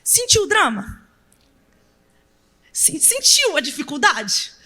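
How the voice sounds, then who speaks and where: A middle-aged woman with a Brazilian accent preaching a sermon in a church. She tells stories animatedly, acts out family members and shouts for emphasis. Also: high-pitched, sing-song, slow pace. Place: church sanctuary.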